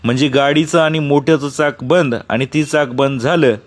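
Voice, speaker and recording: A man voicing a stubborn old village elder with gruff, commanding rustic speech. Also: on the high side, steady tone, moderate pace, voice pushed up, close to an everyday voice. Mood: stern.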